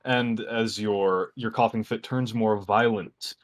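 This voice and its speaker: A man runs a tabletop game as its game master. His voice sits fairly low, and he lays out each scene in a measured, descriptive manner. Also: steady tone.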